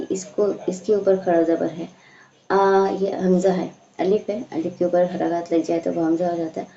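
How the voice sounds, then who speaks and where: A woman teaching a slow, patient recitation lesson, explaining each sound and stretching out the recited words. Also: lowish voice, vocal fry, warm tone. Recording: echoey room, dull lo-fi sound.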